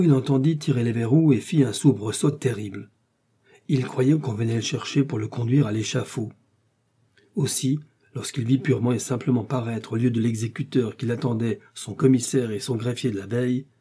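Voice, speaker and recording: A man reading a novel aloud as audiobook narration, in a measured, even way. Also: mid-range voice, husky.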